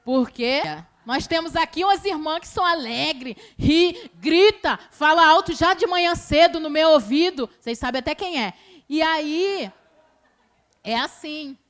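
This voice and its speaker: Brazilian woman preacher, high voice, chatty colloquial sermon, teasing, loud then hushed, church service. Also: unhurried.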